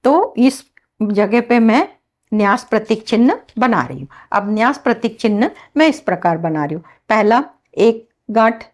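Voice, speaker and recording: A woman walks through a healing ritual one step at a time, like a teacher giving a demonstration. Her voice sits fairly high, and she speaks in an unhurried, deliberate way. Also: sing-song, a little mellow. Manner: slow, instructive, step-by-step explaining.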